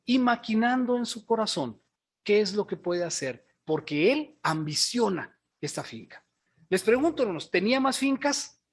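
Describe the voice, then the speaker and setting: A man's voice: high-pitched, big pitch swings, moderate pace, husky. A male pastor preaching a sermon, retelling a story and asking the congregation questions as he goes. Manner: storytelling, asks the congregation questions, says "hermanos" often.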